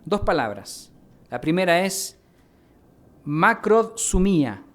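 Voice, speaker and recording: A male pastor from Mexico delivers a teaching sermon in a voice that sits a little high for a man. He spells out terms carefully and puts questions to his listeners. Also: expressive, measured pace. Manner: teaching, spelling out words and asking the congregation. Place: church hall.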